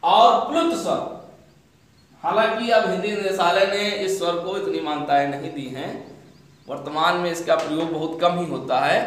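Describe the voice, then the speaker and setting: A man's voice: sits high, moderate pace. A man teaching a grammar lesson, asking his class questions and answering them himself. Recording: very echoey room.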